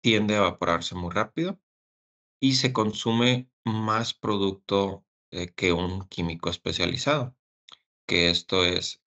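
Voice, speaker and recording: A man presenting a technical webinar as a service engineer, speaking haltingly with fillers and repeated words over a webcam. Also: low-pitched, creaky, pushed and bright.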